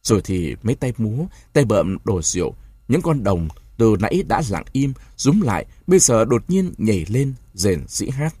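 A man narrating a novel as an audiobook, in an expressive, dramatic storytelling manner. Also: lowish voice, moderate pace, breathy edge, no room sound.

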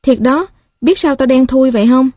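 A woman's voice: high voice, normal speed, darkish tone, dry recording, studio quality. A woman with a Southern Vietnamese accent voicing a scrappy, boastful young male street kid who talks in bossy slang. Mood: matter-of-fact.

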